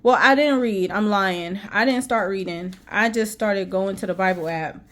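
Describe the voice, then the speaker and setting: A woman's voice: medium pitch, moderate pace. A woman telling a personal faith story in a casual vlog, emotional and repeating herself as she talks to her viewers. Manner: emotional, repeats herself, often says "y'all". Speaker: faith vlogger.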